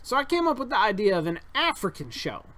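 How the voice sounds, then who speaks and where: A man's voice: high-pitched, sing-song, slow, sharp tone, voice pushed up, exaggerated voice. A man reading a board game aloud, voicing a boastful middle-aged male circus owner in a folksy, bragging put-on accent.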